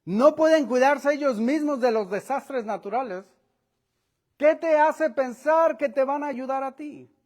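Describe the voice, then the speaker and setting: A male pastor preaching a sermon, reading scripture aloud and explaining it earnestly, often trailing to quiet phrase endings. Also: extremely high pitch, measured pace.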